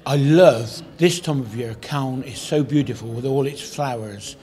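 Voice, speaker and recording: Older male town crier from the Cotswolds, medium pitch, relaxed interview chat rather than crying. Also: measured pace. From Cotswolds, England. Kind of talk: casual outdoor interview.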